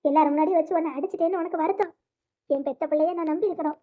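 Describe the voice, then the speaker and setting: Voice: high voice, steady tone, racing, close to an everyday voice. A performer voicing a loving middle-aged mother who coaxes and apologizes affectionately. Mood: remorseful. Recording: tinny phone-like sound.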